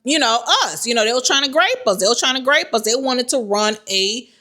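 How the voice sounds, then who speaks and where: A woman vlogger telling a personal story in lively, repetitive, slangy casual speech. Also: a little high, brisk. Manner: colloquial, slangy. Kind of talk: storytime vlog.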